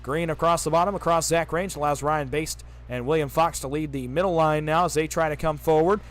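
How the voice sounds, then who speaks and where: A man calling a race as the play-by-play announcer, rattling off positions quickly and building excitement on big moments. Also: fairly high pitch. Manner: rapid-fire, auctioneer-like calling when the pack is close. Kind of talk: sim racing play-by-play commentary.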